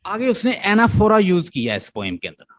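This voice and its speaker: A man's voice: high-pitched, wildly swooping pitch, moderate pace. A male literature teacher lecturing a class, explaining step by step, chanting stress beats aloud and often checking that the students follow.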